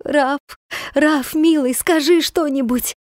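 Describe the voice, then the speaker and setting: A woman voicing an overjoyed, tearful peasant wife and mother, with high, excited exclamations. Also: takes it slowly, dry recording, studio quality. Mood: tearful pleading.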